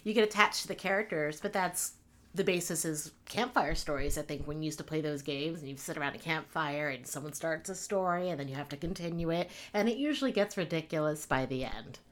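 Podcast cohost lady, really low voice, friendly and laughy. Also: fairly quick. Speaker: podcast co-host and writer. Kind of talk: casual chat about a fiction podcast.

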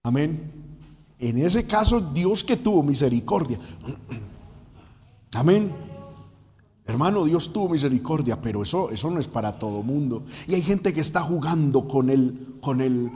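A man's voice: on the high side, animated, a little slow, pauses often, dark tone, in a large hall. A man preaching an impassioned sermon, often addressing the congregation as brother.

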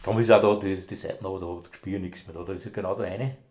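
Low-voiced man telling dog stories. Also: fairly even intonation, very fast, a little mellow. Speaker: former rescue dog handler, interviewee. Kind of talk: casual storytelling interview.

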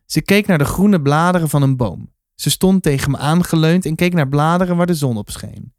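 A man reading a children's novel aloud in a calm, measured storytelling manner. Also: a little high, no echo, studio quality. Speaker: reader.

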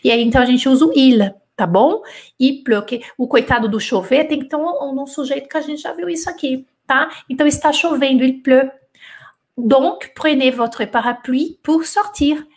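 A little fast and high-voiced, a woman leads a live French dictation lesson. Her explanations are patient and animated, switching between Portuguese and French examples, with regular check-ins like "né?" and "d'accord?" to her students.

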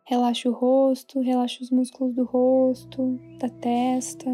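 A Brazilian woman guiding a sleep meditation in a soothing, hushed, spa-like manner. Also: high-pitched, monotone, measured pace. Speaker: meditation guide. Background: soft background music.

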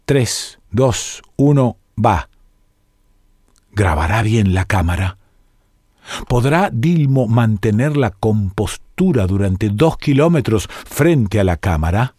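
A man with an Argentine accent narrating a story on the radio, slow and theatrical, with wide swings in pitch. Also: sing-song, darkish tone, breathy edge, no room sound, clean studio sound. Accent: Argentine Spanish.

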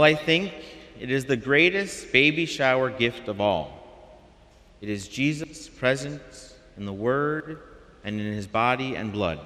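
A man giving a gentle, measured sermon in a church. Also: mid-range voice. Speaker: homilist. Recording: long church reverb.

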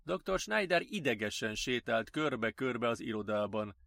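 A man reading an audiobook in even, measured storytelling. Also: mid-range voice, vocal fry, no room sound, clean studio sound. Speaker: audiobook narrator. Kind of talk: scripted audiobook narration.

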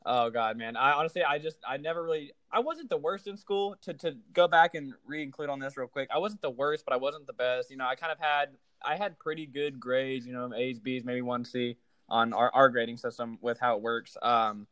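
A man's voice: medium pitch, a little fast, a bit bright, no echo. A man of twenty hosting a podcast, talking loosely and swearing often, with lots of fillers. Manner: loose and profane, with many fillers. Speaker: podcast host. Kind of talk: casual chat.

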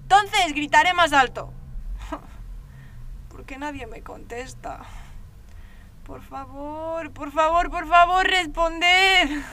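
A woman's voice: high voice, fairly bright tone, a little hiss or hum, exaggerated voice. A woman reading an audiobook, voicing a frightened young girl locked alone in a cell, pleading and repeating herself, short of breath and close to tears. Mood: panicked. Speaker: audiobook reader.

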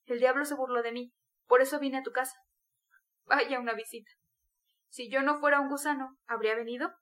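A woman's voice: high-pitched, fairly even intonation, a little fast, fairly bright tone. A woman voicing a brooding tormented young man. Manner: intense, bitter confession.

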